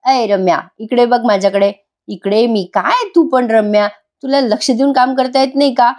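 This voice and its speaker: A woman reading the lines of a bossy young wife who scolds and teases, in a slightly raised, sharp voice. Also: a little high, normal speed, voice pushed up, lightly acted. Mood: scolding.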